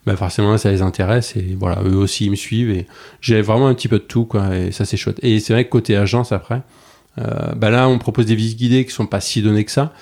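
A man in his forties talks quickly as a podcast guest, in a low, dark voice. He chats loosely, circling back and restarting his sentences with plenty of fillers. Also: steady tone, vocal fry. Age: 40s. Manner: chatty, with many restarts and fillers. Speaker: travel blogger and tour agency owner, podcast guest. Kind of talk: casual conversational interview.

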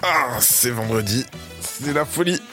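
A man's voice: mid-range voice, expressive, measured pace, sharp tone, faint music behind. Stuffy-nosed French man grumbling off-script. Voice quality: stuffy, congested nose. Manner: tired, grumbling. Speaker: podcast host. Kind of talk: off-script outtake chatter.

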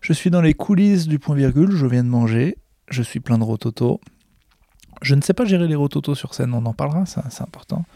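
A stand-up comedian rambling backstage in a self-mocking vlog monologue, full of hesitations, into a handheld recorder. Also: male voice, a little high, animated, a little fast, dark tone, dry recording, studio quality. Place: backstage room of a comedy club.

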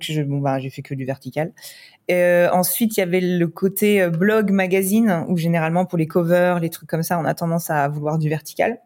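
A woman's voice: fairly low pitch, darkish tone. A woman from France, a wedding photographer, chatting casually in a podcast interview with lots of fillers and laughter.

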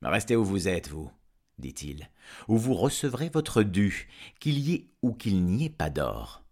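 A man's voice: fairly low pitch, very animated, measured pace, darkish tone, voice pushed up, exaggerated voice. A man voicing a blunt, shrewd farmer hero who speaks firmly, in a storybook reading. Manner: firm and commanding. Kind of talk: audiobook reading.

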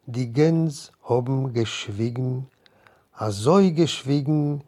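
Male story reader, mid-pitched, husky, unhurried, measured. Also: mellow. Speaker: narrator. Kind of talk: literary story reading.

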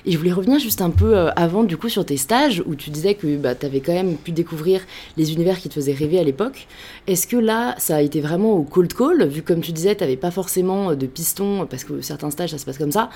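Low-voiced woman hosting an interview. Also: quick pace, dark tone, slightly rough. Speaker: podcast host. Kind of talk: casual interview chat.

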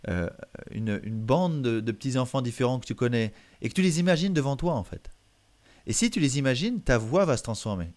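Man coaching on voice, animated. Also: mid-range voice. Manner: animated, demonstrates with his voice, many restarts. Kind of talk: explanatory interview talk.

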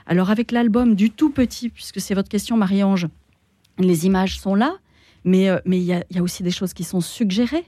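Woman, radio guest, mellow voice, thoughtful, dry studio sound. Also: mid-range voice, brisk, dry recording. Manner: thoughtful, searching for words. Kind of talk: radio discussion.

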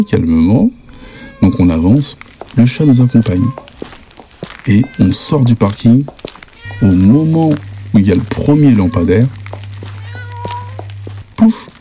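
A young man from France telling a spooky personal anecdote in lively, slangy casual speech. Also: lowish voice, creaky, a little hiss or hum. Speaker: storyteller.

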